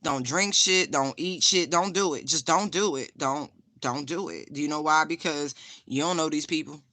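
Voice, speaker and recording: The tarot reader's medium-pitched voice comes through over background noise as she delivers a laid-back spiritual reading. Blunt and foul-mouthed, she laughs a lot and says things twice to drive them home.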